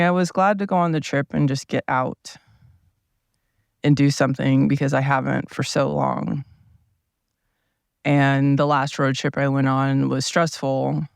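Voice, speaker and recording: A man with a gravelly, groggy morning voice rambles through a casual solo podcast, seated at a table in a parked RV. His pitch sits a touch high for a man but hardly moves, and the sound is close and dry with no room around it. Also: dry recording. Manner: meandering, relaxed, thinking aloud with many asides. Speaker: podcast host. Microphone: small mic powered by a tablet.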